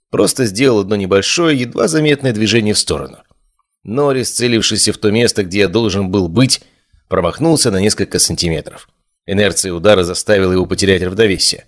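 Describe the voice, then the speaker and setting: A man narrating a first-person fantasy audiobook in a steady, measured storytelling manner. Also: deep voice.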